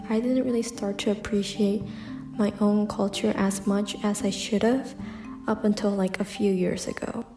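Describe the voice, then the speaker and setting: A young American woman hosts a solo personal podcast episode, reflecting as she goes and leaning often on "like" and "um." Her voice is warm, mellow and middle-pitched. The room is echoey, with faint music underneath.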